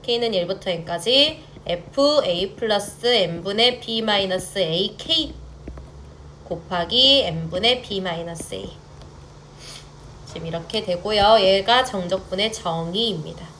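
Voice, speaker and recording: A woman's voice: medium pitch, takes it slowly, a bit bright. Young woman math tutor, patient and explanatory, often asks students to confirm, faint hiss behind her. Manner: checks in with students, mixes polite and casual speech. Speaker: math teacher. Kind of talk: online math lecture.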